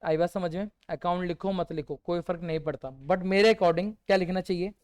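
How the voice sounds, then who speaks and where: This is a man giving a revision lecture, repeatedly asking rhetorical questions and quietly answering many with just one word. The voice is high and brisk, with a clean tone.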